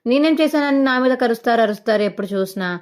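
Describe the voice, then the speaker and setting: A woman's voice: fairly high pitch, animated, fast talker, close to an everyday voice. A woman telling a serial's story, voicing a sulky middle-aged wife who complains and pleads. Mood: whiny.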